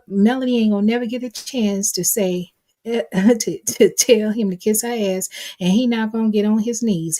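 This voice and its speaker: A middle-aged woman chats casually on her live stream and answers viewers' comments as they come in. Her voice is mellow and warm, at a middle pitch, and she keeps calling people baby and honey. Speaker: livestream host reading chat.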